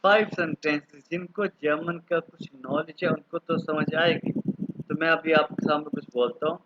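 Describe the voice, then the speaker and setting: A man in his thirties from Pakistan teaching an online German class, patiently repeating words slowly for pronunciation. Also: fairly high pitch, steady tone, highs cut off. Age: 30s.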